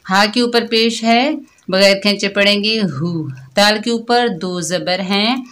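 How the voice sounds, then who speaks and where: A woman's voice: medium pitch, slow pace, a bit bright. A woman teaching Quran recitation, patiently explaining each letter step by step.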